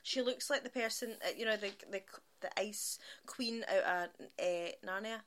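Bright-voiced Scottish woman, laughing a lot. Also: mid-range voice, normal speed, a little hiss or hum. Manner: laughs often, animated storytelling. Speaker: podcast co-host. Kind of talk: casual chat.

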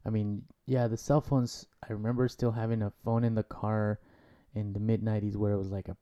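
A man's voice: lowish voice, flat delivery, brisk, warm tone. A man in his thirties hosting a podcast, asking questions in a casual, hesitant way as he works them out. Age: 30s. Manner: casual and hesitant, many fillers while forming questions. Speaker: podcast host. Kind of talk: conversational interview.

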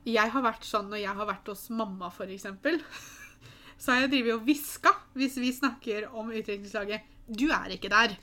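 Young woman, slightly high pitch, giggly animated storyteller. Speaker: friend of the bride. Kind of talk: casual storytelling chat.

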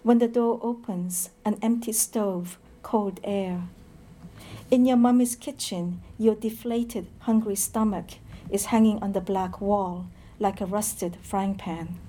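A woman giving a poetry reading, reading slowly and in a measured way, with short introductions full of hesitant pauses. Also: medium pitch, fairly even intonation, mellow.

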